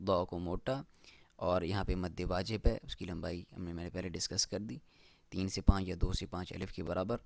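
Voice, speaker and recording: Low-voiced man teaching Quran recitation. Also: darkish tone, no room sound. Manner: explains rules plainly, then recites verses slowly in a raised voice. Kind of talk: step-by-step tajweed lesson.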